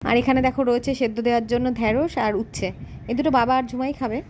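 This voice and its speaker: A woman's voice: a little high, steady tone, very fast. A woman, chatting to the camera about her household routine in a casual vlog. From West Bengal, India. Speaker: lifestyle vlogger. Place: family home, indoors and on the road. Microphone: handheld phone camera. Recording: home recording with loud background noise.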